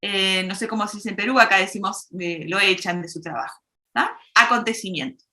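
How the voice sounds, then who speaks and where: A woman's voice: mid-range voice, a little fast, pushed and bright. A woman psychologist giving an explanatory public talk, teaching through worked examples. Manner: didactic, uses worked examples. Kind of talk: explanatory lecture.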